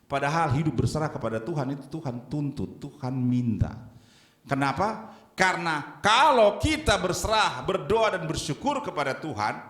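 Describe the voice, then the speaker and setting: A male pastor delivers a sermon in a high, very lively voice, leaning hard on some phrases and dropping low on others. The sound carries a roomy church echo around him. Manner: lively preaching, swinging between loud emphatic lines and low quiet ones. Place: church sanctuary.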